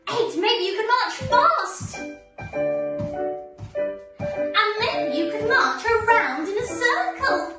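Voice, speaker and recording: A woman's voice: very high voice, sing-song, slow pace, pauses often, sharp tone. A young woman teaching small children like an overbright kids party host, with sing-song delivery, coaxing questions and exaggerated oohs. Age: young adult. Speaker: pre-school ballet teacher. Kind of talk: children's lesson and storytelling, talking to small children. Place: living room with wooden floor. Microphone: camera a few metres away. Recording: roomy echo, distant camera microphone, faint music.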